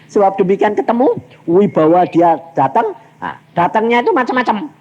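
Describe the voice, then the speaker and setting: Animated Javanese-accented man preaching. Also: high voice, moderate pace, lo-fi sound. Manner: animated storytelling, acting out dialogues with big vocal swings. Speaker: evangelist preacher. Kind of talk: sermon.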